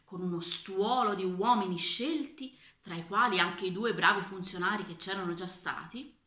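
A woman reading a children's storybook aloud with an expressive, varied delivery. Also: medium pitch, normal speed, roomy sound.

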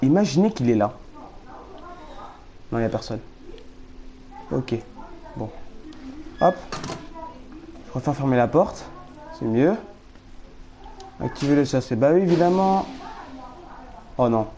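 A man commentating a horror game live, nervous and jittery, repeating words when scared, his voice going hoarse. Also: mid-range voice, animated, a little slow, pauses often, warm tone. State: losing his voice.

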